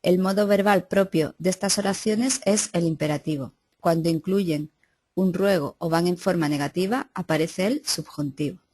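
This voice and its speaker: Lady teacher, lowish voice, explains grammar step by step, restarts a bit. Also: normal speed, a little mellow. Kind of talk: classroom grammar lesson. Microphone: recorded class.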